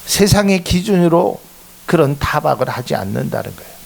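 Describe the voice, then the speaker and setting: Animated high-pitched preaching pastor, gravelly. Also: male voice, normal speed. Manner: preaching with dramatic voiced quotes, rising to emphatic peaks. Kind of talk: sermon.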